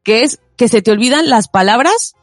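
A woman's voice: on the high side, moderate pace, no room sound, clean studio sound, faint music behind. A woman from Mexico, speaking with a Mexican accent touched by Spain Spanish, telling stories in a casual chat and acting out the people she quotes. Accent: Mexican, with some Spain Spanish. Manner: lively storyteller, acts out quoted people.

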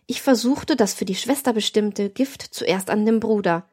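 A woman's voice: mid-range voice, normal speed, a little mellow, slightly rough, close to an everyday voice. A woman voicing a cruel, scheming young nobleman in an audiobook, lofty and lecturing. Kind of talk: audiobook reading.

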